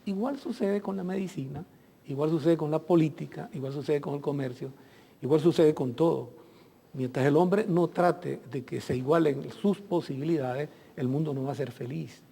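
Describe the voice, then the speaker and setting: A man's voice: fairly high pitch, normal speed, creaky, mellow, slightly rough. A middle-aged man from Venezuela, a consular guest on a TV interview, speaking earnestly in long reflective lists. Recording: long hall reverb.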